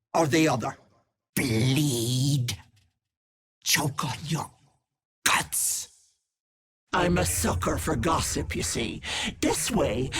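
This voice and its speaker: An actress playing a sinister old hag who poses as a kindly auntie in a video game, cooing mocking endearments in a theatrical way. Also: female voice, low voice, slightly rough, exaggerated voice. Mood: menacing, then sugary, doting. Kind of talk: video game character acting.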